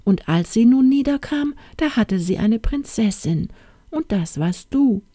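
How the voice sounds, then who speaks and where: A woman voicing an old hen in a fairy tale reading, pleading at first and then confiding in a gossipy, sometimes hushed way. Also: on the high side, expressive, measured pace, dry recording, studio quality, voice pushed up. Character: old hen, pleading then chatty nurse who tells secrets.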